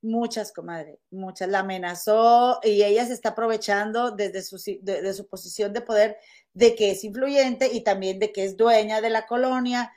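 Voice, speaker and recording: A woman's voice: mid-range voice, moderate pace. A woman with a Mexican accent in casual chat, telling stories to a friend and calling her comadre. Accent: Mexican Spanish. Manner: animated storytelling, calls her friend comadre.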